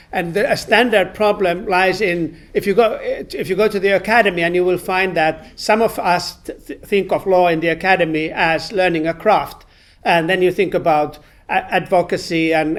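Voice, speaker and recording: A man moderating an academic panel, speaking in a measured way with frequent restarts. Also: sits high.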